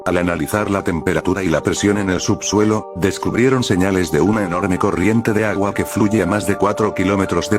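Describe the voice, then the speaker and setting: A low-pitched man reads scripted nature documentary narration, explaining things in a measured storytelling style.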